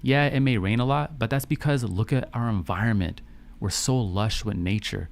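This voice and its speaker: His voice is on the low side, with vocal fry and a normal speaking speed. A Canadian live stream host and podcaster who grew up in Vancouver, he leads a casual chat supportively, repeating phrases and confirming that his listeners are keeping up.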